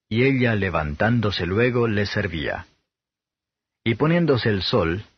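Low husky man reading scripture. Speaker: audiobook narrator. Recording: dull, slightly lo-fi dry recording.

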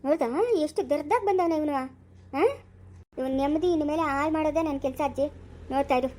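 A woman's voice: sits high, quick pace, background noise, lightly acted. A woman playing a scheming, vengeful village woman who grumbles her revenge plans aloud in a homemade family drama.

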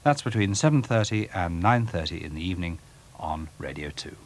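Deep-voiced male announcer on worn old tape. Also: animated, slight background noise. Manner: measured, polite, formal delivery. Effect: heard from a worn old VHS tape copy. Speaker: TV continuity announcer. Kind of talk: formal scripted broadcast announcement. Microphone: studio announcer microphone.

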